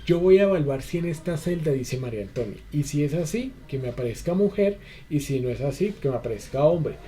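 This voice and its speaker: Man, spreadsheet instructor, patient step-by-step, dark mellow voice, slightly high pitch, faint noise behind. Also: lively intonation, brisk. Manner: patient, repetitive, fillers like "entonces" and "listo". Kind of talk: online class walkthrough.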